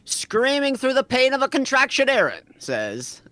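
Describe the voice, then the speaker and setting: A man reading fanfiction aloud as the narrator, in an animated, amused way. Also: very high-pitched, moderate pace, dry recording. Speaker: narrator and reader.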